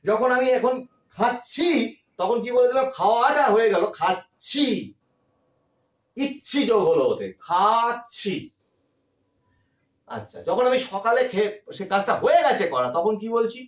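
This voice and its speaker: Animated teacher in an echoey room. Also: male voice, very high voice, normal speed, pauses often, distant mic. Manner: animated, asks the class questions and answers them himself. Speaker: English grammar teacher. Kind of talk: classroom lecture in Bengali.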